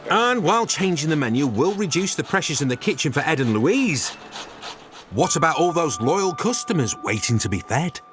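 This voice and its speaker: A British man narrates a documentary in a fairly high voice that swings up and down a great deal. He is cheeky and teasing, with music underneath. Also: big pitch swings, moderate pace. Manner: playful, teasing asides.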